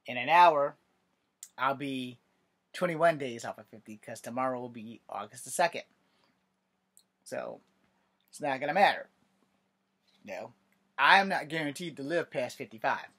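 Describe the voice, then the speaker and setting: Man nearly fifty, husky mid-pitched voice, sarcastic bedroom vlog straight to webcam. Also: expressive, measured pace, pauses often, fairly bright tone. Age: 40s. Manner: wry, sarcastic, swears. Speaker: vlogger. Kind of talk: casual webcam monologue. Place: cluttered bedroom, indoors. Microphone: webcam at desk distance.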